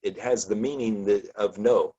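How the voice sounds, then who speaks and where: Male teacher, casual book class, low voice, rambling, lots of ums, dull lo-fi sound. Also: fairly even intonation, normal speed, dark tone, slightly rough. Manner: loose, rambling, many ums and restarts.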